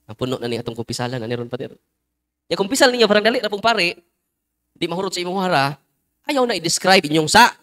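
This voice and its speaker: High-pitched, lively joking priest. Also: male voice, quick pace, pauses often. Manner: jokey, teasing the congregation, mixing in English phrases. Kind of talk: humorous sermon with storytelling.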